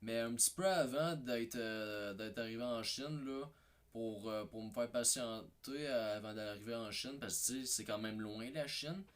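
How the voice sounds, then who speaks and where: Québécois guy rambling thru a funny story, lots of uh and restarts, mid-pitched voice. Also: moderate pace. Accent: Québécois French. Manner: hesitant, repetitive, full of fillers and restarts. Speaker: comedy video maker. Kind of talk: rambling comedic anecdote.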